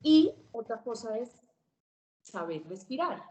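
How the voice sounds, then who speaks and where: Woman coaching public speaking online, plays with loud and soft and slow, roomy echo. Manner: lively, dramatic shifts of pitch, volume and pace to demonstrate. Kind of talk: webinar lesson.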